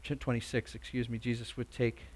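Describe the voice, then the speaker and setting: A man preaching a sermon, emphatic and repeating words for stress, swinging between loud urging and soft asides. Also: mid-range voice, monotone, a little fast.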